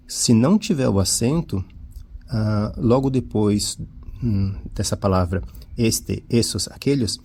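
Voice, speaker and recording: Slow, deliberate male language teacher. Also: lowish voice, dark tone, husky. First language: Portuguese. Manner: slow, deliberate, repeats example words; switches between Portuguese and Spanish. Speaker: Spanish teacher. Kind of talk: classroom-style lesson.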